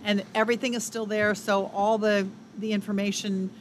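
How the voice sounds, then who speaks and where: A woman's voice: mid-range voice, flat delivery, moderate pace. A woman speaking as an interview guest, explaining things in an emphatic, conversational way. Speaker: ranch development director, radio guest. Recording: clear background noise.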